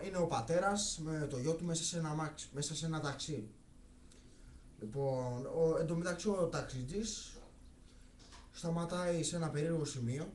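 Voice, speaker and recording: A man's voice: on the high side, a little mellow. A young man telling crude jokes in a rambling, swearing way, with many restarts. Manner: rambling, swears often, repeats "well". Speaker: joke teller. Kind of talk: casual joke telling. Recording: echoey room, faint noise.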